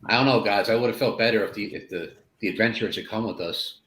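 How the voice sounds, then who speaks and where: A man playing a tabletop game in character, talking in a nervous, animated way. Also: fairly low pitch, fast talker. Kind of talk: in-character play. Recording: echoey room with faint noise.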